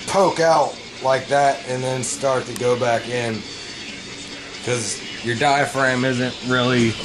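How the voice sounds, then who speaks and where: A man's voice: mid-range voice, poor audio. A man giving a casual, informal vocal tutorial as a coach, rambling and blunt with frequent swearing.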